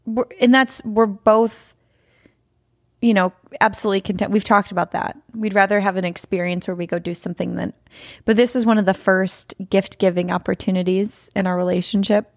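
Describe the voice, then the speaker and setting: Chatty young woman with a gravelly voice. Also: medium pitch, fairly even intonation, brisk, dry recording, clean studio sound. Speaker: podcast guest, host's wife. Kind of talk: casual conversational storytelling.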